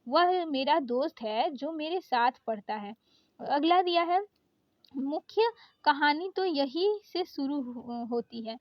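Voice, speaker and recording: A woman with a high voice gives an exam-prep grammar lesson, reading words out one at a time between short hesitant fillers. The sound is dry and close, with a slightly dull, muffled tone. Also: no echo. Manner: reads out word lists with many pauses and "अ" fillers. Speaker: teacher.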